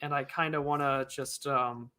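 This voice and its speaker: Rambling bright-voiced man co-host. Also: medium pitch, steady tone, moderate pace, clean tone. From United States. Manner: rambling, joking, many fillers and restarts. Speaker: podcast co-host. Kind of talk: casual chat.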